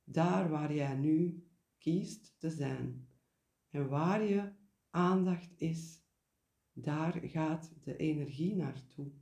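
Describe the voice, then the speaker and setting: A man guiding a meditation in a gentle, deliberate way, pausing and repeating key words. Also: a little high, creaky, echoey room. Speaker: meditation guide. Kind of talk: guided meditation, spoken reflection.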